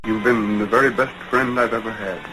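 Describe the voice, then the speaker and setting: A man's voice: fairly low pitch, steady tone, a little fast, noisy background, natural voice. An actor as an earnest lovesick man, early talkie film. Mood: guarded. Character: earnest, tormented man in love, about to leave. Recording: 1920s film soundtrack with loud music.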